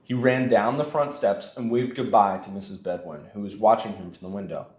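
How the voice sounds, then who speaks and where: A young man reads a children's story aloud with an expressive, lively delivery. His voice sits fairly low. The recording has a roomy echo. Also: a little fast. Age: young adult. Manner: expressive reading. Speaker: student storybook reader.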